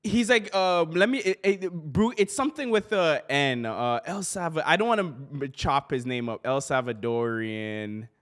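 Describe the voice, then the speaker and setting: A man's voice: fairly high pitch, moderate pace, few pauses, fairly bright tone. A man chatting casually about politics as a co-host, slangy and rambling, often searching for his words.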